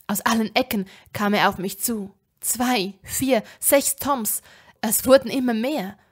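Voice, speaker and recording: A woman's voice: a little high, unhurried, husky. Woman dramatically reading a story. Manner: first-person narration with whispered hushed passages and loud shouted outbursts. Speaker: narrator. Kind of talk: dramatic audiobook reading of fan fiction.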